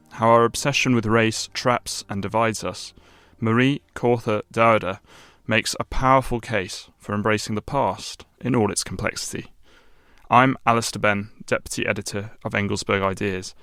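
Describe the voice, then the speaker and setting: A man hosting a podcast interview, measured and formal in his questions. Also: fairly low pitch, fairly bright tone, clean tone, dry recording, clean studio sound. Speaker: podcast host. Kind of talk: scripted intro then interview questions.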